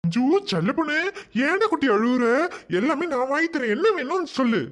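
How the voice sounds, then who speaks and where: A performer acting a soft-spoken, coaxing man who spoils a child in a comedy sketch. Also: medium pitch, big pitch swings, a little fast, very noisy, natural voice. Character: sweet-talking man doting on another woman's child.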